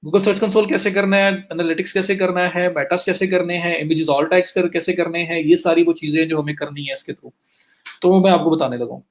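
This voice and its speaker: A man teaching a live online class, walking students through each click step by step and saying he is speaking fast to cover more, in with a flavour. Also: a little high, fairly even intonation. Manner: talks students through clicks step by step, addresses them directly. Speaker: digital marketing instructor. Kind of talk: live screen-share lecture.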